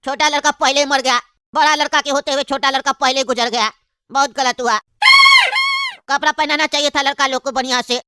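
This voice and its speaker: A woman's voice: high-pitched, steady tone, brisk, bright, forceful tone, raised voice. A woman voicing a nosy, gossiping male neighbour in a cartoon comedy, over-sympathetic.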